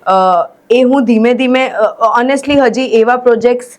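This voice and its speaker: A woman's voice: on the high side, normal speed. A young woman with a Gujarati accent, an actress talking as a podcast guest and telling stories animatedly in casual interview chat. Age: young adult. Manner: animated storytelling, acts out quoted shouts, mixes English in.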